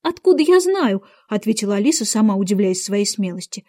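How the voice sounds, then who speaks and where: A woman's voice: mid-range voice, very animated, brisk, warm tone. A woman voicing a curious, bold young girl in a storybook reading, polite yet spirited.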